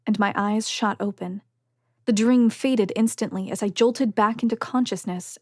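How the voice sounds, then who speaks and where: A woman narrates a novel in the first person, her delivery measured and steady, easing into a hushed whisper in the quiet moments. Her voice sits at an ordinary middle pitch. The recording is dry and close, with no room sound around her. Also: dry recording. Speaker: audiobook narrator.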